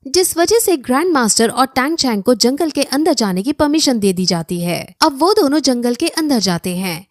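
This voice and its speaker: A woman narrating an anime plot recap as a steady retelling, mixing in English loanwords. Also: high voice, dry recording, studio quality.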